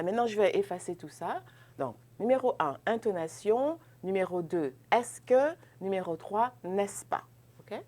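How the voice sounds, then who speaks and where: A woman's voice: medium pitch, a little mellow. A woman teaching a French grammar lesson, explaining in English and modelling French questions with exaggerated rising intonation, often checking in with "ok?". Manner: checks in often with "ok?", laughs lightly. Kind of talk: bilingual classroom grammar lesson.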